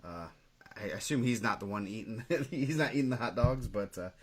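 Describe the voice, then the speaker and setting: Low-voiced man reading wrestling results. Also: brisk. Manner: reads results in a steady, list-like way. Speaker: co-host of a wrestling podcast. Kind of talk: casual sports chat.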